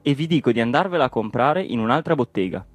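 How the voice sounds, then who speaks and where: A man voicing an excitable middle-aged hatter who talks in a high, flustered, stubborn way. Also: fast talker, no room sound, natural voice.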